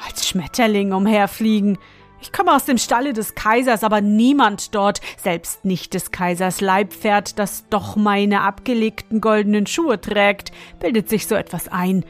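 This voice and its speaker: A woman voicing a haughty, easily offended male dung beetle in a storybook tale, quick and indignant. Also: medium pitch, lightly acted. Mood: boastful. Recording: faint music behind.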